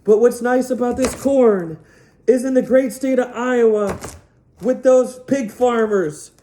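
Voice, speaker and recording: A man's voice: measured pace, dark tone, a little hiss or hum. A man giving a playful, rambling product demo as a salesman, repeating his jokes as he goes. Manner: rambling, jokey, repetitive sales pitch. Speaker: knife sales representative. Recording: echoey room.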